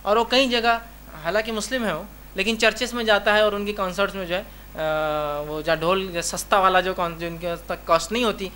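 A man's voice: high voice, steady tone, sharp tone, a little hiss or hum. A man from India speaking, giving a religious lecture full of rhetorical questions and repeated reminders to remember the point. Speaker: Islamic lecturer.

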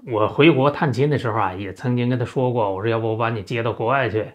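A middle-aged man, hosting a storytelling monologue in a chatty way, often stretching out "啊" fillers. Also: medium pitch. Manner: chatty, with frequent drawn-out "啊" fillers. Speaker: host.

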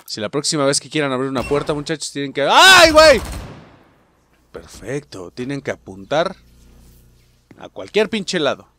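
Profane Mexican man gaming, lively pitch. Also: moderate pace, noisy background. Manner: profane, excitable, shouts at enemies. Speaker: gaming channel host. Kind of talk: let's play commentary.

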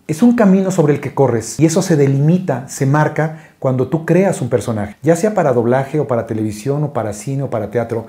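A man with a Mexican accent, a dubbing voice actor talking in an interview and acting out quoted people in a much higher voice. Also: mellow. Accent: Mexican Spanish. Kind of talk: interview talk.

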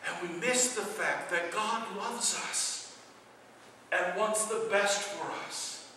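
A middle-aged man, a priest, preaching a sermon with big swings between loud passages and hushed ones. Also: sits high, slow, slight background noise. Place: church sanctuary. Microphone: far camera. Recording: echoey church from far off.

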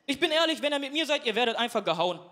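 High-voiced self-mocking stand-up comedian. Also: male voice, lively intonation, racing, bright, forceful tone. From Duisburg, Germany. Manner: rambling, self-mocking, chatting with the audience. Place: stage before a live audience. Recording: live show with audience and noise.

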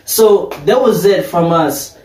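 Man, casual podcast host, fairly high voice, echoey room. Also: takes it slowly, darkish tone. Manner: laid-back, lots of murmured agreement. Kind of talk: casual interview chat. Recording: roomy echo, mic at a distance.

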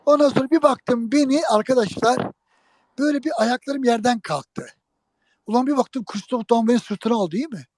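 Recorded dry, a man with a very high voice talks at a normal speed as he tells an interviewer a funny old prank story. He's lively and jokey, speaking right to his listeners.

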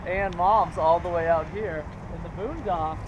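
A man's voice: high voice, a little slow, highs cut off. Joking young man vlogging on the road. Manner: joking, mock announcer lines. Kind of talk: casual travel vlog. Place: car at night, then outdoor gas station. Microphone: camera on a handheld pole. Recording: loud road and outdoor noise.

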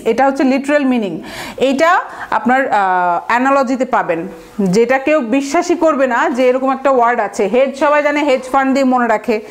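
High-pitched Bangladeshi woman teaching vocabulary. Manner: explanatory, repeats key words, mixes in English terms. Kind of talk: recorded online lecture.

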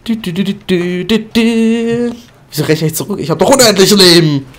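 A man giving live commentary over his own gameplay, excitable and goofy, often breaking into high-pitched yelps and sing-song chants. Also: moderate pace. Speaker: gaming commentator.

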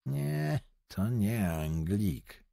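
A man voicing a composed male editor who answers calmly, politely and matter-of-factly in an audiobook. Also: on the low side, extremely slow, gravelly, no echo, clean studio sound, exaggerated voice. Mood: calm, assured. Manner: calm, polite, matter-of-fact. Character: composed male literary editor, diplomatic, self-assured.

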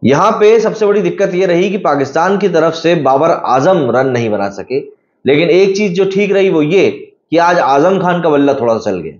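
A man's voice: on the high side, animated, moderate pace. A man giving a casual, chatty cricket match analysis, often calling viewers brother. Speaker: cricket news presenter. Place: studio. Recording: echoey, slightly dull room recording.

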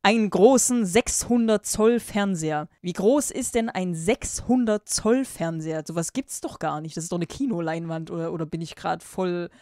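A woman's voice: on the low side, moderate pace, few pauses, mellow, no room sound. Sarcastic woman reading a story aloud. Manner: sarcastic, dry ironic asides; reads out emojis and punctuation.

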